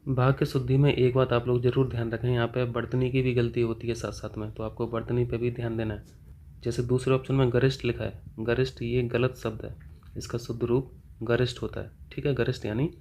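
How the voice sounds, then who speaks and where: A man's voice: medium pitch, level tone, fairly quick, a little mellow, slight background noise. A man teaching grammar, working through exam questions and answering his own questions as he goes. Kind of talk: explaining exam test answers.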